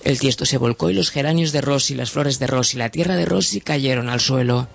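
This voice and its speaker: A man narrating a story in an expressive reading voice. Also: mid-range voice, brisk, creaky, over loud music. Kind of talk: audiobook narration.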